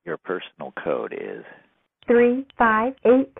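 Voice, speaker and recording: Needed: automated phone prompt voice, a woman, flat announcement, tinny noisy line, slow with gravelly edges. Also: medium pitch.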